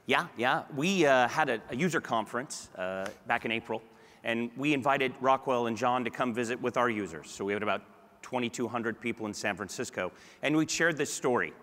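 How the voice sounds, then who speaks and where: Middle-aged male executive, conversational stage talk, mid-pitched, long hall reverb. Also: brisk, a bit bright. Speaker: guest sales executive. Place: large conference stage indoors. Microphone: clip-on lapel mic.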